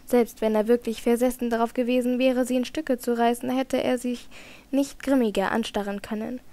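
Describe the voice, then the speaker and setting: A woman narrates a classic novel in measured storytelling. Her voice is slightly high with a gravelly, creaky texture. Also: steady tone, dark tone. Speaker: audiobook narrator. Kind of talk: scripted narration.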